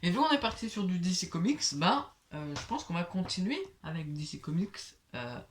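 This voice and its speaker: A young man with a slushy lisp, his s sounds slurring toward sh, presenting casually and haltingly like a home vlogger. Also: high-pitched, sing-song, a little hiss or hum. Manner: halting, hesitant, filler-heavy. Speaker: host of a comic book collection video series.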